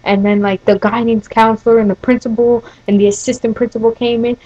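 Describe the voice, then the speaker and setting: Teen woman, gaming commentary host, casual storytelling, rambling, fillers, fairly high voice. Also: flat delivery, a little fast, mellow, highs cut off. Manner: rambling with many fillers and restarts.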